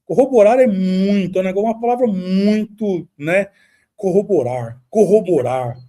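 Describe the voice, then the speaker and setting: A middle-aged Brazilian man co-hosts a podcast, telling stories in an animated, conversational way. His voice sits high for a man. His tone is dark and mellow, and he peppers his talk with casual tags. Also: moderate pace. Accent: Brazilian Portuguese. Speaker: podcast co-host. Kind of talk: casual chat with storytelling.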